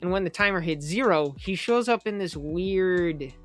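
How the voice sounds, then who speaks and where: A young man in a casual review vlog, his voice sitting a bit high. He rambles with animated asides and throws in quick questions to the viewer. Faint background music plays under his talk. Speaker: manga reviewer.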